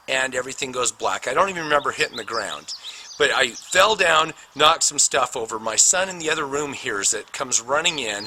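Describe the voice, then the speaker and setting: A middle-aged man telling his own near-death story as a personal testimony, animated and dramatic, with spoken sound effects. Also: medium pitch, poor audio. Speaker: speaker recounting a near-death experience. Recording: noticeable background noise.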